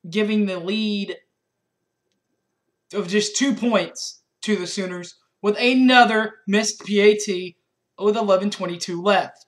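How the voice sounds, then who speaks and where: At a measured pace, a young sports fan with a high, slightly bright voice delivers a postgame breakdown of a college football game. The recording comes from a desk webcam in his small bedroom, and he goes methodically through scores and stats, restarting a few times.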